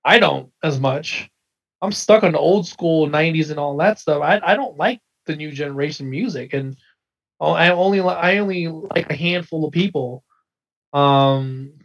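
Podcast regular, thirties, higher-pitched and a bit raspy, loose and profane. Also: male voice, muffled recording. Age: 30s. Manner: rambling, restarts, heavy swearing. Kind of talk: casual podcast chat.

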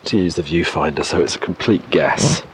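A man's voice: a bass voice, moderate pace. A man hosting a casual solo podcast outdoors, musing unhurriedly and thinking aloud, recorded on cassette tape. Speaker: podcast host. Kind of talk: casual solo podcast commentary while out walking. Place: outdoors by an oak tree in countryside. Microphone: portable cassette recorder. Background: noise, clicks.

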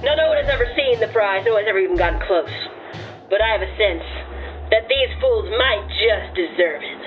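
A woman voicing a showy male dragonborn arena announcer, whose magically amplified voice booms with theatrical hype in a tabletop game. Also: animated, fairly quick. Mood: announcing. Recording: dull lo-fi audio with music behind.

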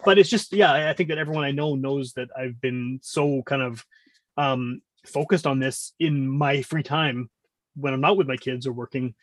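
A middle-aged man, a music podcast host appearing as a guest on a podcast, chats casually in a medium-pitched, steady voice at normal speed with no echo. He's talkative and rambling, often interrupting himself as he explains.

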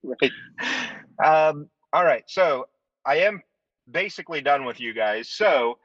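A man's voice: a little high, slow, no room sound. A man from Indiana interviewing a band on a video call from his phone, sitting in his car and chatting casually with lots of fillers. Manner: relaxed, rambling with fillers. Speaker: podcast interviewer. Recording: dull lo-fi video call audio.

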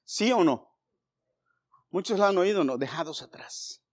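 A man preaches, his voice pitched high. He swings from fervent, loud exhortation to quiet, hushed storytelling. The sermon is delivered in a church. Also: lively intonation, measured pace.

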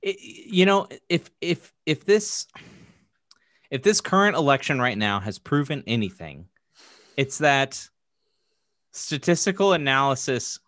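A man's voice: fairly high pitch, a bit bright, no room sound, studio quality. A man co-hosting a podcast, talking casually about politics, hesitant with many restarts, then emphatic. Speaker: podcast co-host.

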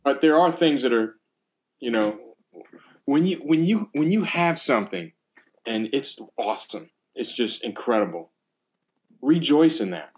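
A middle-aged man talking casually as a music teacher, animated and acting out exclamations while telling stories. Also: medium pitch, unhurried, pauses often. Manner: animated storytelling, acts out exclamations. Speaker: percussion teacher. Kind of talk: casual conversation.

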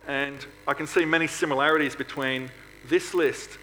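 A male preacher delivers an earnest sermon to a church congregation, posing rhetorical questions along the way. His voice is a little high and sharp in tone, with fairly even intonation at a moderate pace. The rough recording has noticeable background noise.

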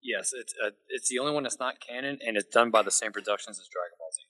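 Casting: man, somewhat deep, casual podcast co-host with halting, restated phrasing. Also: pushed and bright, rough recording. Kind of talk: casual discussion.

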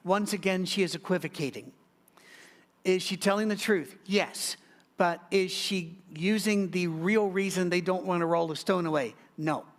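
A man's voice: sits high, steady tone, moderate pace. A middle-aged man preaching a sermon, telling stories and slipping in joking asides as he goes through scripture. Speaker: pastor.

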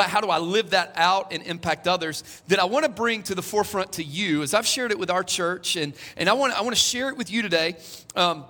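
This is a pastor in his forties giving a sermon in a church hall, and the space sounds echoey. His pitch sits high, and his delivery comes across pushed and bright as he talks conversationally with his congregation and cracks the occasional joke.

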